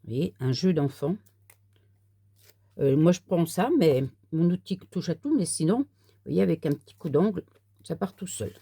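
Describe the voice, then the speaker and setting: A woman talking viewers through a paper craft kit in a relaxed, unhurried way, handling the pieces as she speaks. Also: sits low, slightly rough, no room sound. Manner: soft, unhurried, talks while working with paper. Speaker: crafter demonstrating a card kit. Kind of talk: casual crafting tutorial.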